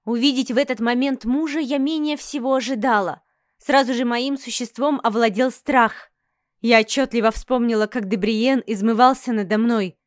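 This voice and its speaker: An audiobook narrator with a high voice reads a novel in the first person. She keeps a fairly even intonation at a moderate pace, and the recording is dry with clean studio sound.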